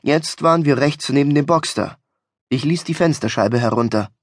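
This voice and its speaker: A man's voice: a little high, normal speed, dry recording. A man narrating a comic novel in the first person in a wry, dry storytelling manner. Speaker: audiobook narrator. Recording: dry studio recording.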